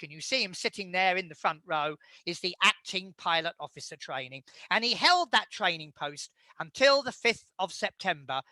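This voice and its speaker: A man giving an illustrated history lecture, measured and halting, with frequent fillers. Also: sits high, sharp tone, no room sound.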